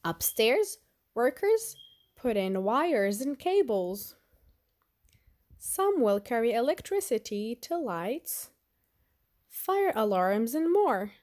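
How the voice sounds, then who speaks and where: A woman reads a children's picture book aloud, telling the story expressively and deliberately in a voice pitched a little high.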